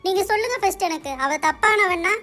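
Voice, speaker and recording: A performer voicing a fiery young wife in an amateur doll serial, scolding her husband in a sharp, rapid-fire way. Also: very high voice, faint music behind. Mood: accusing.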